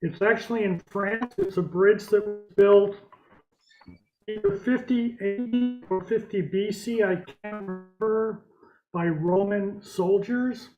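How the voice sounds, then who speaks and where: A man's voice: high voice, a little slow, muffled recording, faint music behind. A man chairing a meeting over a conference call that breaks up, plain-spoken with dry asides. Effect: conference call audio, breaking up. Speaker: board chair.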